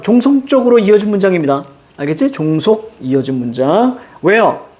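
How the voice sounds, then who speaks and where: Middle-aged male teacher, brisk exam walkthrough, higher voice with very animated pitch. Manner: brisk, keeps saying "자" and checks in with students. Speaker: Korean grammar teacher. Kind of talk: classroom lecture, solving exam questions.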